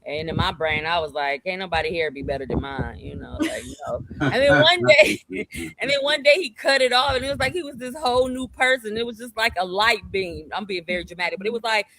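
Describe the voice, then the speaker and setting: A woman with a bright, forward voice tells a personal story in a relaxed conversation. She is lively and expressive, and she acts out what people said as she talks. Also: a little high, a little fast, hardly any pauses. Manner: expressive, animated storyteller who acts out quotes. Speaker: guest sharing her family story.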